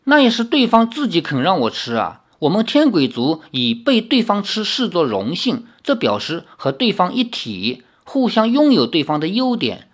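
A reader voicing a boastful, sulky demon king in an audiobook reading, with huffy, quick retorts. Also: medium pitch, huge pitch swings, voice pushed up. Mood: grumbling.

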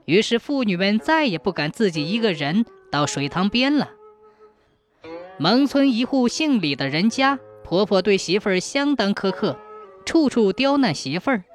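Woman reading out a village ghost tale, even steady voice, light music playing under. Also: medium pitch, normal speed. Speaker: storyteller. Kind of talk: folk ghost story narration.

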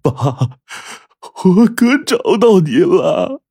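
Storyteller doing a shocked young man in a spoken story, raised pitch, wide swings in delivery. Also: sing-song, normal speed, warm tone, husky, no echo, studio quality. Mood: astonished. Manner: astonished, high-pitched exclamations. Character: young man from Taiwan, stunned and emotional son.

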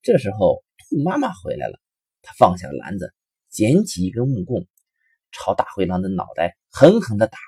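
A man reading a children's story aloud in an expressive storyteller manner. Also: lowish voice, moderate pace, creaky, husky, no room sound, clean studio sound. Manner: expressive, rising and falling storyteller delivery.

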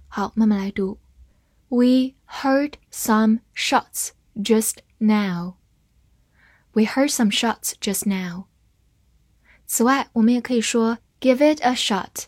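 A woman, an English teacher giving a scripted vocabulary lesson, spelling words and reading model sentences slowly and clearly. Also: fairly high pitch, dry recording, clean studio sound.

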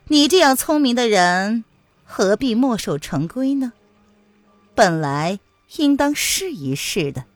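A woman's voice: a little high, big pitch swings, slow pace, dry recording, soft background music, pitched above the performer's own voice. A woman voicing a scheming villainess who poisons people, speaking in a sly, taunting way in a storytelling reading. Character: cold scheming poisoner lady, mocking. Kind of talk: audiobook character voice.

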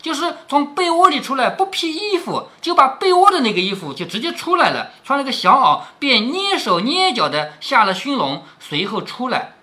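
A man's voice: very high-pitched, very animated, moderate pace, hardly any pauses, sharp tone. A middle-aged man reading a classic novel aloud to his daughter, stopping often to explain and asking rhetorical questions.

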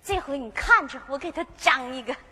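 A woman's voice: sits high, expressive, sharp tone, full character voice. A woman playing a cheeky Northeastern Chinese maid. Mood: teasing. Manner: comic, rapid rhyming patter. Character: cheeky young maid, joking and teasing. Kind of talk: folk stage duet acting and sung patter.

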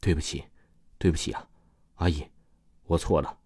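A man's voice: extremely low pitch, normal speed, darkish tone, breathy edge, no echo, studio quality, full character voice. A man voicing a terrified young man who pleads desperately for his life. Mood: pleading.

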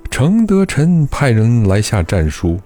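A man narrating a historical story in an expressive, scripted reading. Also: mid-range voice, unhurried, soft background music.

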